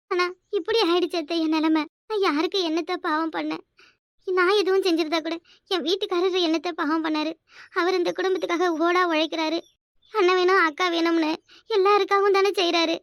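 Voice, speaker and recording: A sly young wife in a village cartoon, plotting aloud and whining in a very high, thin voice. She talks in pleading, self-pitying runs. The sound is dry and close. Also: no echo. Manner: whiny, sobbing, self-pitying. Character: scheming young wife, fakes pregnancy. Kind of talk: Tamil village cartoon voice acting.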